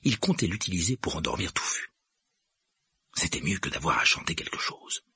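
A man narrating an audiobook with expressive storytelling. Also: deep voice, normal speed, slightly rough, dry recording, clean studio sound. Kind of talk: scripted narration.

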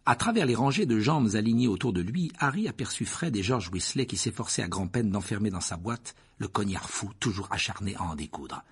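A man reading a story aloud as an audiobook narrator, expressive and voicing the characters. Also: lowish voice, a little fast, hardly any pauses, slightly rough.

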